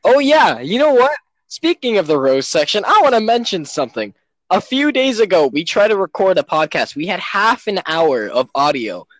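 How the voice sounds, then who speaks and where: Teasing young man with a lively voice. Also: high voice, normal speed, no room sound, rough recording. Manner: teasing, joking roasts. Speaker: podcast host. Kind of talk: casual chat. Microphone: remote call mic.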